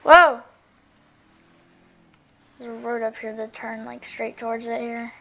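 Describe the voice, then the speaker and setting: A woman giving casual, chatty gameplay commentary, often half to herself, her volume swinging between muttering and loud exclamation. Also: a little high, monotone, a little fast, gravelly. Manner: chatty running commentary, often talking to self. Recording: dull lo-fi microphone sound.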